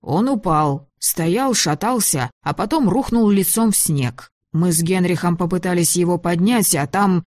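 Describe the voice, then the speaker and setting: A woman voicing a frightened young male German soldier who speaks slowly and haltingly, in a storybook reading. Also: on the low side, darkish tone, dry recording, clean studio sound, lightly acted. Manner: slow, halting, shaken.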